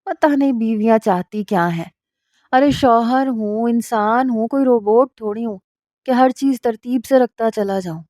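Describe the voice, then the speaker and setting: A woman's voice: a little high, mellow, no room sound, studio quality, close to an everyday voice. A woman voicing a playful young husband who banters and mock-complains, in a storybook reading. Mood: teasing.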